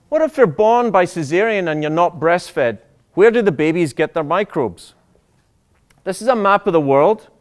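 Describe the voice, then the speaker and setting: A man, a doctor, giving a public lecture, animated and full of rhetorical questions to the audience. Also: high-pitched.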